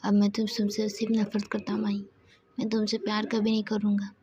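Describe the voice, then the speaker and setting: A woman voicing a brooding, heartbroken young husband in a hushed, bitter tone. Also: mid-range voice, completely flat delivery, brisk, natural voice. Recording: dull lo-fi with faint hiss.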